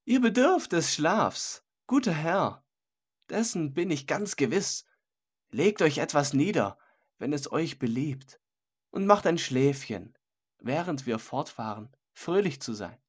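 A scoffing, carefree host in an audiobook, voiced by a man with a raised, loud voice that brushes warnings aside. The tone is husky and the delivery slow and unhurried. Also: fairly high pitch, sing-song, full character voice. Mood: dismissive. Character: jovial scoffing male host, carefree and mocking. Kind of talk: audiobook character voice.

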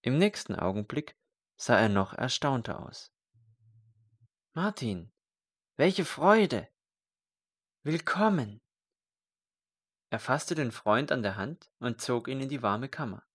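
A man narrating an audiobook in a slow, measured reading. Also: mid-range voice, fairly bright tone, no room sound, studio quality.

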